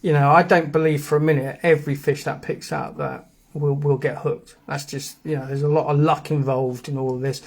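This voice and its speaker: A man's voice: on the high side, little pitch movement, brisk, creaky. A man with a Geordie accent hosting a live stream, rambling casually as he explains things step by step. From England. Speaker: host. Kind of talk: live stream demo and chat.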